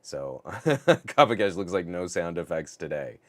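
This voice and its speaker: A middle-aged man hosting a live tech podcast, talking with a scratchy, sick-sounding voice in an excitable, over-the-top way with stammered restarts. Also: low-pitched, unhurried, no room sound. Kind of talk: casual live-stream chat.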